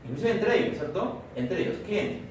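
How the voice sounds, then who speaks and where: A male physiology lecturer with a Peruvian accent, teaching a class and constantly checking in with his students with "right?" and "are we clear?". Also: high-pitched, lively intonation, normal speed. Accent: Peruvian Spanish. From Peru. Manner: checks in constantly with "¿cierto?" and "¿estamos?". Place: large echoey classroom. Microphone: distant camera mic. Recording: echoey, far from the mic, noisy room.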